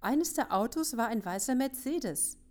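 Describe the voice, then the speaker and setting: A woman's voice: on the high side, a little slow, pitched above the performer's own voice. A woman reading aloud, voicing an insistent boy eager to share news. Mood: excited. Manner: excited, insistent. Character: boy bringing bad news, impatient.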